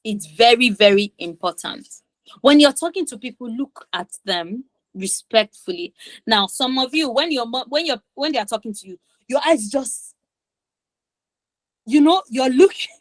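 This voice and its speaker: Woman, teen confidence coach, higher voice, emphatic and repetitive, dry sound. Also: lively intonation, moderate pace, no room sound. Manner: repeats for emphasis, acts out kids' voices. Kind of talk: online class teaching.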